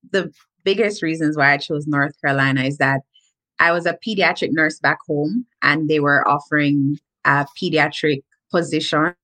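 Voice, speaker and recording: A woman's voice: low voice, bright, forceful tone, no room sound. A woman from Jamaica, a registered nurse, speaking easily as a guest in a casual interview.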